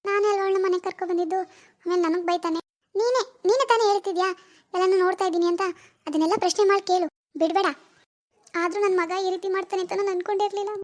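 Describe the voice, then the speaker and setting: A woman's voice: very high voice, fairly even intonation, rapid-fire, a little mellow. A woman acting as an older mother-in-law who soothes her daughter-in-law while stirring trouble against her son. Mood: concerned. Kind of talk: amateur family drama acting.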